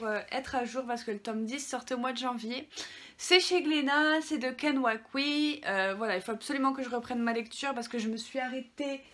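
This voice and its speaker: A woman's voice: on the high side, a bit bright. A French woman hosting a casual manga haul video, chatting with many fillers and small restarts. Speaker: manga vlogger.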